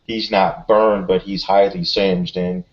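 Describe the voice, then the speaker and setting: A man playing a tabletop game, talking casually and explaining moves and rules in a deliberate way. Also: deep voice, little pitch movement. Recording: dull, lo-fi sound.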